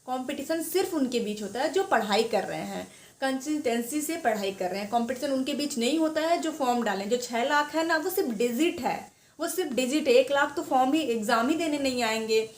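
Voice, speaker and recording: A woman's voice: high-pitched, expressive, a little fast, roomy sound. A woman giving informal exam advice to students, chatty and repetitive, restarting her sentences often. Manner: chatty, repeats herself, many restarts. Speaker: exam preparation guide.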